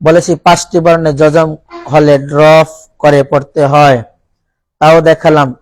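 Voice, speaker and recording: A man teaching Quran recitation in a college classroom with a Bangladeshi accent, reciting Arabic examples slowly and quizzing his students. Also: a little high, flat delivery, a little mellow, no room sound, poor audio. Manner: slow, drawn-out recitation of Arabic words as examples; asks the class questions and has them repeat.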